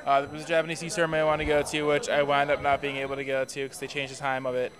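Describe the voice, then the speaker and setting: A man's voice: fairly high pitch, monotone, rapid-fire. A laid-back man chatting offhandedly about a convention he attended. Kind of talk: casual convention recap chat. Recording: crowd chatter behind.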